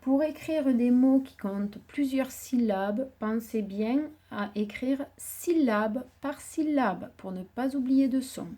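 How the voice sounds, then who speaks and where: Woman, primary teacher, patient syllable-by-syllable dictation, fairly high, warm dark tone. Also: takes it slowly, few pauses. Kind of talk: slow dictation lesson for young children.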